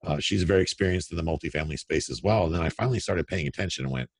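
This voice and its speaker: A middle-aged man who invests in real estate joins a casual interview by remote call, telling candid, self-deprecating stories very fast. His radio voice is very deep, gravelly, and husky. The audio is close and dry, with no echo or room sound.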